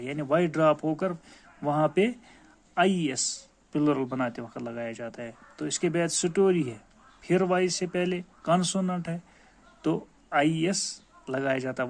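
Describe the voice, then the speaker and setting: A man's voice: fairly high pitch, darkish tone. Kashmiri man teaching children grammar. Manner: explains patiently, addressing pupils as dear children. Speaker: school teacher. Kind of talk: classroom grammar lesson.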